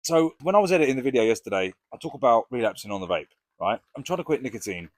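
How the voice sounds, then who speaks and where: A man's voice: mid-range voice, sing-song, rapid-fire, no echo. A British man talking casually and frankly to camera as a vlogger, with plenty of swearing. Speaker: recovery vlogger.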